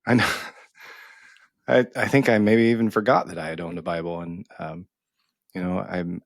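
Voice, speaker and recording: Deep-voiced man telling a heartfelt story. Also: creaky, no room sound, clean studio sound. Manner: halting, emotional, many restarts. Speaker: podcast co-host.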